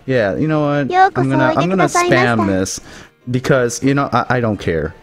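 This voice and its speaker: A man's voice: medium pitch, big pitch swings, moderate pace, fairly bright tone. A young man streaming live, overexcited, stammering and laughing often between words. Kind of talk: excited live stream chat. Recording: faint background music.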